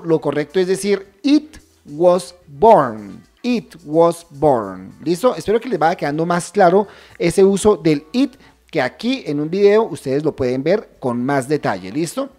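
A woman teaching English over a shared screen, checking in often with her viewers and saying English phrases slowly and deliberately. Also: fairly low pitch, mellow. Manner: addresses viewers as a group, checks understanding often. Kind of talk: screen-share language lesson.

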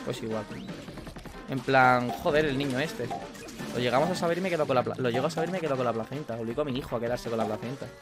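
A young man with a Spanish accent from Spain, chatting casually while playing a video game, excitable and swearing at the game. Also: mid-range voice, rapid-fire. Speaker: gaming YouTuber. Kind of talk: casual gameplay commentary. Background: video game music.

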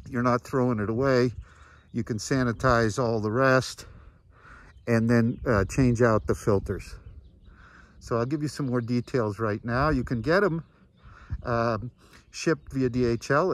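Guy reviewing gear through a face mask, laid back, lots of ums. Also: mid-range voice. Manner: relaxed, chatty, halting with fillers. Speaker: product reviewer. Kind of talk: casual review. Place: outdoors at high altitude.

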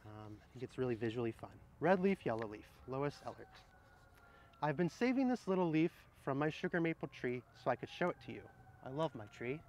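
Reading picture books and suggesting titles in a relaxed way, a middle-aged horticulturist talks directly to viewers from under the trees in an arboretum garden, his manner gentle and explanatory. His medium-pitched voice has a sing-song quality and moves a little fast.

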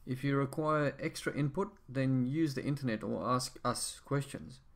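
A man giving a measured, practical voice-over about building a boat at home. He sits in an ordinary mid-range pitch and explains each step plainly. The tone stays even and instructional throughout. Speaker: amateur boatbuilder.

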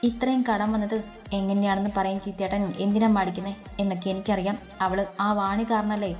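A woman's voice: medium pitch, little pitch movement, fairly quick, darkish tone, soft background music, lightly acted. A woman voicing a worried young wife who speaks in a pleading, tearful way. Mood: anxious.

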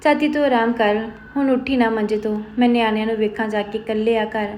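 A woman voicing a caring, practical young village woman who reasons with and gently scolds an older aunt. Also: fairly high pitch, steady tone, fairly quick, slight background noise, natural voice.

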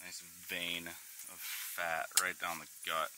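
A man's voice: low-pitched, slow. A young man vlogging a fishing and camping trip, talking into a handheld camera inside a tent in the woods. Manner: excited, worn-out outdoorsman talking to camera. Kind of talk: casual vlog narration. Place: inside a tipi hot tent in a forest. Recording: noisy outdoor camera audio with sizzling pan.

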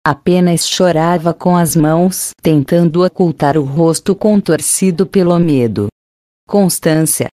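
A woman reads an audiobook in a steady, measured way. Her voice is low and mellow. The sound is close and dry. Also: dry recording. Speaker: audiobook narrator. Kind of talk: scripted narration.

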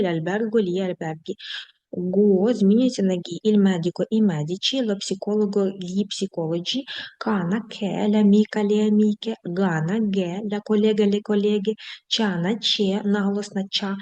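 A woman teaching an online language lesson, reading word lists slowly and patiently and speaking to her students affectionately. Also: medium pitch, a little mellow.

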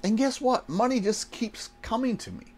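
A man's voice: very high voice, animated, normal speed. A man, giving a folksy motivational talk to camera inside a small RV trailer. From Wisconsin, United States. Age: 60s. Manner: folksy, asks and answers rhetorical questions. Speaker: online business coach.

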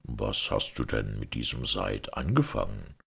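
A man voicing a stern, just caliph in a fairy-tale reading, speaking low and measured. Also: sing-song, vocal fry, a bit bright, husky, exaggerated voice. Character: stern, just male caliph, grave authority.

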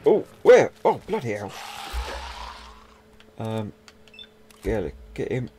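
A man's voice: lowish voice, very animated, slow pace, dark tone, a little hiss or hum. A young man chatting casually through a let's-play, swearing mildly and talking to the game's characters. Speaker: gaming video host.

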